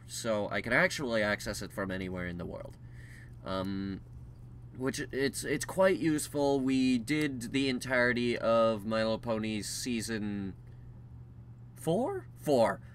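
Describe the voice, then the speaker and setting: Young male vlogger, mid-pitched, rambling and candid, faint hiss behind. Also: a bit bright. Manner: rambling, with frequent ums and restarts; candid and self-deprecating. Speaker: channel host giving a news update. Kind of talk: casual vlog update.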